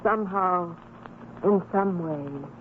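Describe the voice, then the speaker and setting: Taking it slowly with a lowish voice, an actress portrays a firm, devout and hopeful wife and mother, exhorting earnestly and formally in an old-time religious radio drama. The mood is resolute yet consoling, and the audio is noisy, tinny and band-limited.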